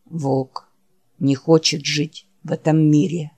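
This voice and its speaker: A deep, soft, fading male werewolf, voiced by a woman reading an audiobook. He is gentle and devoted and speaks in slow, broken, simple words. His voice sits low and quiet. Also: little pitch movement, slightly rough, no echo, exaggerated voice. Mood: weak, tender. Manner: slow, halting, simple speech.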